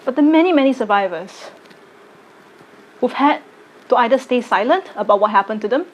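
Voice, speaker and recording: Measured woman in her twenties. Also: on the high side, expressive, rough recording. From Singapore. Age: late 20s. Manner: slow, deliberate, measured delivery. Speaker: arts educator and content creator. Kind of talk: recorded personal statement to camera.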